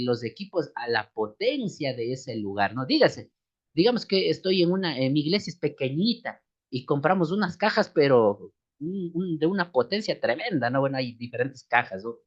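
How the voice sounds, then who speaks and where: Male church music teacher with a slight cold, expressive delivery, muffled lo-fi recording. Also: a little high. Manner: explains step by step, addresses listeners as sisters and brothers. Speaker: seminary teacher. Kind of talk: church music lesson, lecturing. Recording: dull lo-fi recording.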